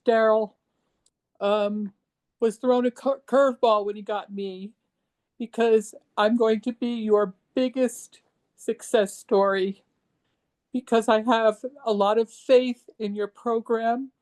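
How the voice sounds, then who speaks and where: Halting, mellow-voiced woman in her seventies. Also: fairly high pitch. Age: 70s. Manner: emotional, halting with frequent ums. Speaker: program participant. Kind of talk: personal testimonial.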